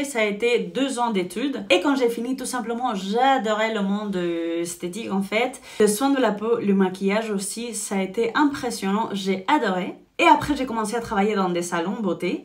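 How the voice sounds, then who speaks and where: A young woman with a Spanish-influenced French accent, chatting casually through a makeup tutorial and dropping "en fait" often. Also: on the high side. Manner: chatty, frequent "en fait" fillers. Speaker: beauty vlogger.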